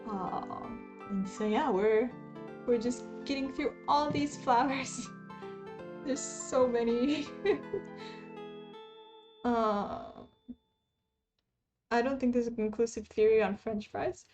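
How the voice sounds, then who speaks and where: A woman from Palestine streaming while she cross-stitches, chatting casually with viewers, reading chat aloud and laughing softly. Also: fairly high pitch, slow pace, long pauses, over music. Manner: laid-back, chatty, frequent soft laughs, reads chat aloud. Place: home, lives in Taiwan.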